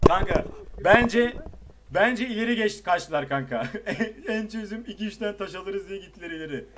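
High-voiced young man barking game commands. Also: animated, background noise. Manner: rapid repeated commands, swearing and laughing. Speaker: raid commander in an online game. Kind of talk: shouting commands over game voice chat.

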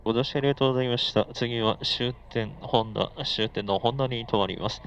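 The voice is medium-pitched and a bit bright, fairly quick and fairly even in intonation: a man serving as conductor, making formal, polite announcements. It plays through a muffled, noisy speaker on a moving commuter train, with faint train and air-conditioning noise around it.

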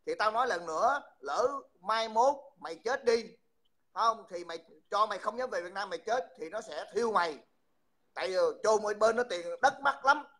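Man, bright voice, mocking and insulting, repeats himself, livestream host. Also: sits high. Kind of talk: heated livestream taunting.

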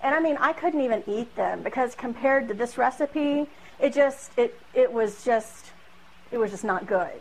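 A thirtysomething woman hosts a home cooking video, demonstrating casually in a small kitchen while a camera across the room captures her slightly high, expressive voice at a moderate pace. The recording is rough, and she's talkative and self-deprecating, often laughing and using fillers.

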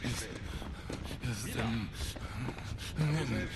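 An actor playing a frightened, disoriented man in a video game, his strained voice halting and repeating itself. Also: medium pitch, vocal fry, a loud crowd. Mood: dazed, fearful. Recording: heavy noise and ambience.

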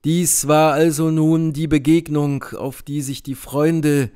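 A man narrating a retold classic play as an audiobook, in measured storytelling that drops low on the speech tags. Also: level tone, warm tone, clear, resonant tone. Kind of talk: scripted narration.

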